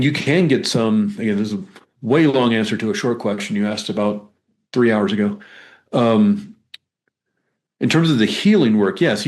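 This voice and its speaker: A man with a lowish voice appears as an interview guest. A hypnotherapist, he explains his work in a rambling, conversational way, halting often and repeating words.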